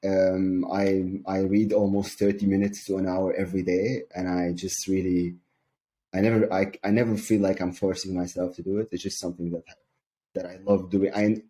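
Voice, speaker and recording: Low, mellow-voiced man from Syria. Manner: calm, measured, frequent ums. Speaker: sales coach. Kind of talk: interview guest.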